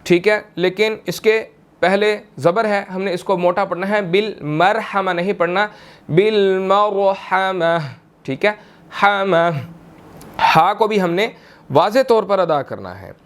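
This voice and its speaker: A young man with a Pakistani Urdu accent teaches Quran recitation, patiently explaining and repeating words slowly to model their pronunciation, with slow melodic recitation between explanations. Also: high-pitched, fairly bright tone. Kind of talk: tajweed lesson, explaining and demonstrating.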